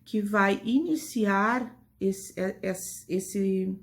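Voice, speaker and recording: A woman's voice: mid-range voice, extremely slow, gravelly. A woman primary school teacher with a Brazilian Portuguese accent, giving a patient, affectionate online grammar lesson to children.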